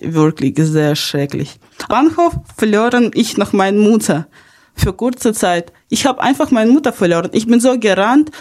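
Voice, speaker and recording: A young Ukrainian woman hosts a podcast, speaking earnestly and partly reading from a script, with a few small grammar slips. Her voice is mid-range and slightly mellow.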